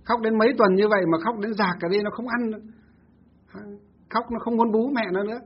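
A man's voice: high-pitched, fairly even intonation, brisk, husky, muffled recording. A Buddhist monk telling a story in a Dharma talk, asking himself rhetorical questions as he goes.

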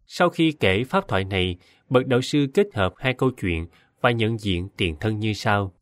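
A man giving a measured, solemn scripted narration of a Buddhist scripture story. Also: on the low side, lively intonation, no echo, studio quality.

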